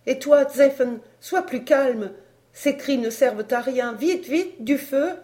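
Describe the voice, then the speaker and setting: A reader voicing a steady-nerved wife and mother who gives urgent orders during a night emergency, in an audiobook. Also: sits high, slow, voice pushed up. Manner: urgent commands.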